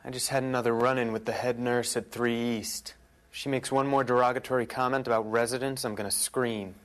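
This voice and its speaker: A man's voice: mid-range voice, steady tone, a little fast, fairly bright tone, lightly acted. An actor playing a stressed, frustrated young male medical resident who complains about money and work.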